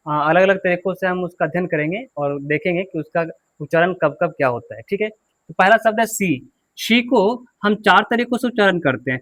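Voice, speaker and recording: An English teacher, giving a pronunciation lesson in Hindi, asking questions and answering them himself. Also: male voice, sits high, a bit bright. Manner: drills with repeated questions and answers.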